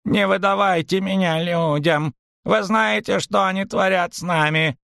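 A man voicing a guttural, whining male shapeshifter creature from a storybook, speaking slowly and pleadingly. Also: lowish voice, little pitch movement, a bit bright, clear, resonant tone, dry recording, studio quality. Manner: slow, pleading.

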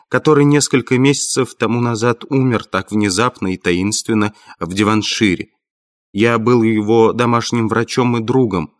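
A man voicing an earnest male country doctor with a sharp, slightly creaky voice. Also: mid-range voice, close to an everyday voice.

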